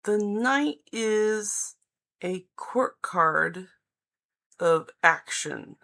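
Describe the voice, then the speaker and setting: Woman, psychic hotline tarot reader, bright forward tone, gravelly fry, halting deliberate phrasing, encouraging, unscripted. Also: medium pitch, animated. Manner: encouraging, reassuring. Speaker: live-stream tarot reader and host. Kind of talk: psychic hotline style card reading, unscripted, talking to chat.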